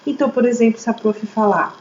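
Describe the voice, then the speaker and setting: A woman teacher, slowly sounding out words syllable by syllable for young children. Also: on the high side. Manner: slow, syllable-by-syllable, lively teacher questions. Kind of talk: early literacy lesson for children. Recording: echoey room, slightly dull audio, faint hum.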